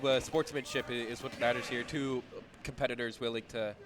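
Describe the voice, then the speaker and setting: A man of middle pitch co-commentating in a relaxed, offhand tone, with clear music playing behind his voice. He is easygoing and jokes between calls. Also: brisk. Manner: laid-back, joking, offhand. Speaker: esports co-commentator. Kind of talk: casual game commentary.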